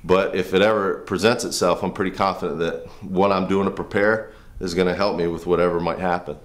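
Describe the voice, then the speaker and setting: A man's voice: low voice, fairly even intonation, brisk. A man in his thirties, a firefighter and trainer, giving a casual, earnest workout demo in a home garage, rambling with restarts.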